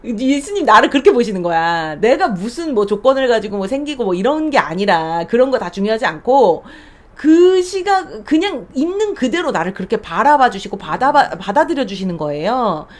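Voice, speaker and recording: A woman's voice: on the high side, very animated, moderate pace. A woman deaconess sharing a faith testimony on her podcast, earnest and speaking directly to listeners. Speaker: church deaconess, podcast host.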